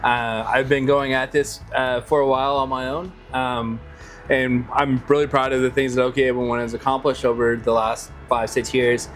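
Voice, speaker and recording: A man's voice: medium pitch, flat delivery, normal speed, a bit bright, faint music behind. Upbeat middle-aged male podcast host. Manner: upbeat, welcoming, lots of fillers. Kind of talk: casual podcast chat.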